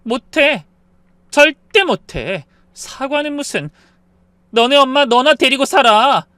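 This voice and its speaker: A man's voice: very high voice, animated, slow, sharp tone, clear, resonant tone, no room sound, voice pushed up, full character voice. A man voicing a fed-up daughter-in-law in a story reading, answering back indignantly and defiantly. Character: fed-up daughter-in-law, wife of ten years.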